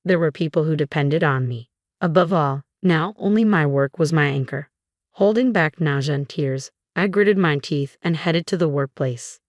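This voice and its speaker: A woman narrating a first-person revenge story in a measured, scripted way. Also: deep voice, dry recording.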